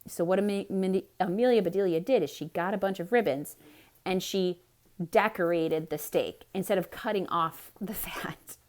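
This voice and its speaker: A woman with a lowish voice reads a children's story aloud at normal speed, theatrical and expressive. She addresses young listeners directly and adds explanatory asides.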